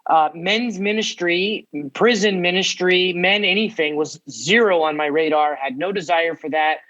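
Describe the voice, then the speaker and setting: A man in his forties from the United States, a podcast guest telling his story with energy and quick asides. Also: high-pitched, sharp tone, dull audio. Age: 40s. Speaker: guest, ministry founder. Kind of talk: podcast interview.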